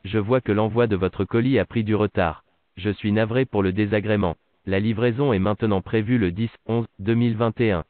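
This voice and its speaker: A text-to-speech male voicebot handles customer service calls, offering polite, formulaic prompts a little fast. The voice is lowish and fairly even, heard over a tinny, dry, echo-free phone line.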